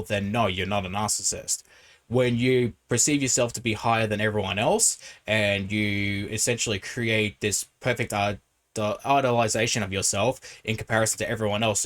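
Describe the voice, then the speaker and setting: A man with a fairly low voice comments casually as a reaction video host. He talks in a critical way, explaining his points at length. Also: a bit bright.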